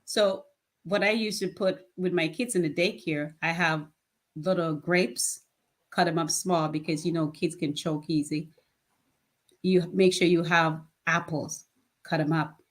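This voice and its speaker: A woman's voice: sits low, steady tone, normal speed. A woman in her fifties, a nonprofit founder, answering interview questions in an earnest, plain-spoken way and laughing easily. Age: 50s.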